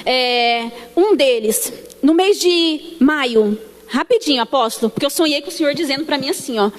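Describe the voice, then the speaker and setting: High-voiced Brazilian woman giving a church testimony. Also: expressive, normal speed. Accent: Brazilian Portuguese. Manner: emotional storytelling that acts out dialogue. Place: church sanctuary. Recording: long church hall reverb.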